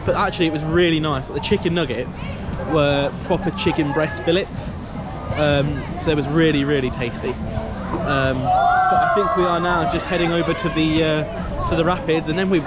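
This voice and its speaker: A man chatting casually to his camera with lots of fillers, vlogging outdoors at a theme park. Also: fairly high pitch. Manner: chatty, rambling with many fillers. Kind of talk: casual vlog talk to camera. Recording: outdoor crowd and loud noise.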